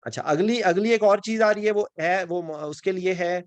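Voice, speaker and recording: A man's voice: high voice, no echo. A man with a Pakistani Urdu accent teaching Quran and Arabic grammar in an online class, explaining step by step, checking in with his students and mixing English words into his speech.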